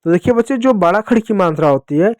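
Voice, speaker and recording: A man's voice: sits high, expressive, fast talker, no room sound, clean studio sound. A man teaching children English phonics, speaking to them directly and answering his own questions as he writes words out. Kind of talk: classroom lesson explaining phonics.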